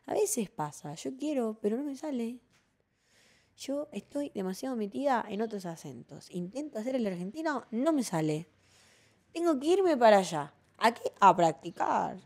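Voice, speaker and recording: A podcast host with a Venezuelan Spanish accent delivers a casual monologue, animated and opinionated as she playfully rants. Her voice is a little high and her speed normal, and she chats along with frequent restarts and rambling asides.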